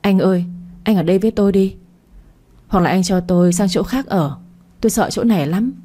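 A woman's voice: medium pitch, fairly quick, warm tone, breathy edge, close to an everyday voice. A woman voicing a cruel young female model who pleads in panic. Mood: terrified, pleading.

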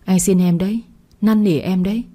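A woman's voice: mid-range voice, fairly even intonation, moderate pace, warm tone, natural voice. Woman doing a remorseful young man begging. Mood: pleading. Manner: begging, apologetic.

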